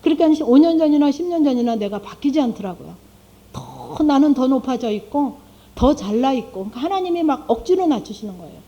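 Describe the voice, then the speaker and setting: Mellow-voiced woman giving church testimony. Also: sits high, lively intonation, brisk. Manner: conversational, asks the audience rhetorical questions; acts out her own prayers aloud. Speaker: lay church speaker. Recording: dull lo-fi recording.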